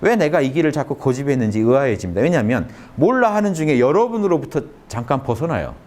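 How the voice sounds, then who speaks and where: Animated man guiding a calming exercise. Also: fast. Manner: guides listeners through a calming exercise, repeating short phrases; lively, emphatic delivery with sudden rises in pitch. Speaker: lecturer. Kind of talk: motivational humanities lecture. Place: large conference room.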